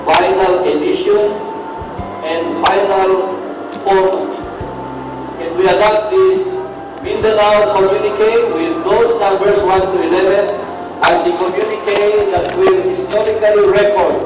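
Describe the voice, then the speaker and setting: A man moderating a conference, formal and deliberate, presenting a draft and asking for consent. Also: sits high. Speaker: summit moderator. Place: large hotel function hall. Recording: echoey hall heard from far off.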